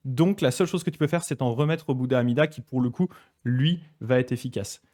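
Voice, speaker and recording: Male Buddhist teacher on a live stream, mid-pitched, relaxed and chatty, hesitates often, reads texts slowly. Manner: reads passages aloud slowly, then comments. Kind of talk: casual live-streamed study session.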